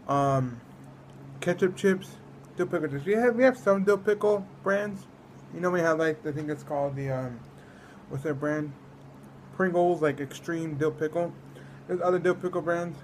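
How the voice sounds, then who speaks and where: Man from the United States, slightly high voice, casual snack review, rambling delivery, faint background noise. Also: normal speed. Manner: rambling, trailing off mid-thought. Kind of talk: casual food review vlog.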